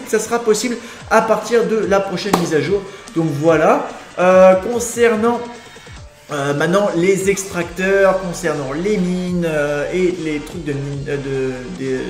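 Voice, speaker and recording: High-voiced young man rambling on games. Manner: rambling, many fillers and restarts. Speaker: gaming YouTuber. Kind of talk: casual gaming video commentary. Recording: echoey room with faint music. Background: faint background music.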